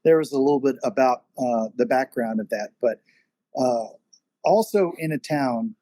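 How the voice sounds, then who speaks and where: A man's voice: medium pitch, moderate pace, dark tone, no room sound. A man steering a casual interview as its host. He talks in a loose, rambling way, full of "uh" and "you know." His voice sounds dry and close, with little room around it. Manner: rambling with many fillers. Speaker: podcast host and magazine editor.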